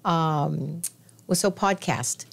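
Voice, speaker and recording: A woman's voice: on the low side, extremely slow. A woman who grew up in New Jersey, hosting a podcast interview in casual chat with short friendly replies. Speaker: podcast host, immigration lawyer.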